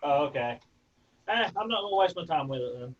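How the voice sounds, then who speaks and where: A man's voice: fairly high pitch, lively intonation, quick pace. A man talking casually as a player in a tabletop roleplaying game. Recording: distant mic, dull sound, faint noise.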